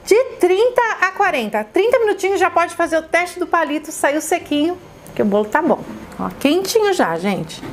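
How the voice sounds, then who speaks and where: A woman with a Brazilian Portuguese accent walks through a recipe in a bright, high voice. She talks like a cooking host, effusive and exclamatory, and keeps calling her viewers her loves. A faint hum sits behind her in the kitchen. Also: very animated, normal speed. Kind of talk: chatty cooking demonstration.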